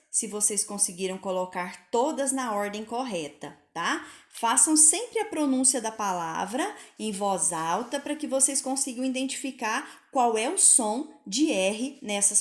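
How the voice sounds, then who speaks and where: A woman teaching Portuguese spelling to pupils in a recorded lesson, patient and clear, sounding out each word slowly. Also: mid-range voice, echoey room.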